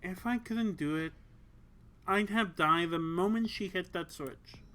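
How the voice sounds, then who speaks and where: A woman's voice: fairly high pitch, normal speed, a bit bright, pitched above the performer's own voice, close to an everyday voice. A reader voicing a timid young woman rookie pilot who speaks meekly and stammers, in an audiobook story. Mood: nervous. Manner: meek, hesitant, stammering.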